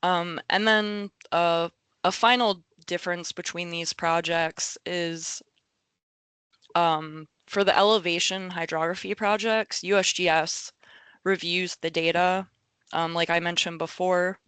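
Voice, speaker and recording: Woman presenting with many fillers, flat tone. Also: fairly low pitch, a little slow, clean tone, no echo. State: losing her voice. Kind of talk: webinar presentation. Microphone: video call.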